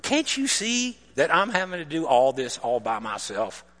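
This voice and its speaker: A frazzled, put-upon woman complaining that she does all the work alone, as a male preacher acts her out. The voice is bright and swings widely in pitch. It rings with a long hall reverb. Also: very animated, moderate pace. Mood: exasperated. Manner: complaining, exasperated. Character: harried, frustrated woman host stuck doing all the work.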